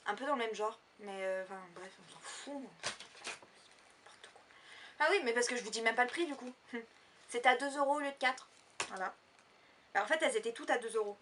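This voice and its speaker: A chatty woman talks through her haul in a loose, rambling way, full of fillers. Her voice sits a little high, and she is a bit far from the mic. Faint room noise hums behind her. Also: fast, a bit bright. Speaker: vlogger. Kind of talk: casual haul vlog.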